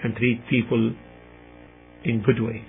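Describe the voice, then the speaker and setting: A man gives a religious lecture in measured, deliberate phrases, alternating between recitation and translation. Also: medium pitch, level tone, gravelly, soft background music. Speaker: Islamic lecturer. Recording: muffled, tinny radio-like sound.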